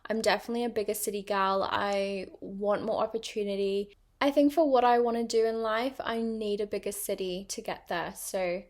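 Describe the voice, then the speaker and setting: A young adult woman hosts her own podcast, talking casually about her life in a mid-range, steady voice at a normal pace. Her accent blends British and international influences, and her speech is full of ums and likes.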